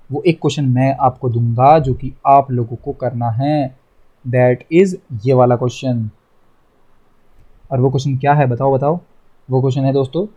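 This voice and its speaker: A man's voice: medium pitch, dark tone. A young man teaching a math lesson online, chatty, repeating himself and teasing his students.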